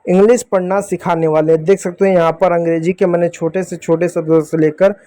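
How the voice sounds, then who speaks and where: A man's voice: sits high, little pitch movement, brisk, mellow, no room sound. A man teaching English basics to children, patient and repetitive, often calling out to the kids. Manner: patient, repeats points, addresses kids often. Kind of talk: classroom lesson for kids.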